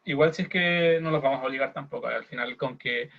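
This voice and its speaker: A young man guides a theater workshop in an informal, encouraging way. His voice has a mid pitch and comes through a dull, lo-fi recording. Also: a little fast, creaky. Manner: encouraging, informal, hesitant restarts. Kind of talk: online workshop talk. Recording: dull lo-fi audio.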